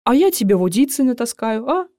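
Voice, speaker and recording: A woman reader voicing a cheeky young man who speaks in hushed urgency and wheedles when he flatters. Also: fairly high pitch, brisk, dry recording, clean studio sound. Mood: wheedling. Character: young male orderly, cheeky and quick.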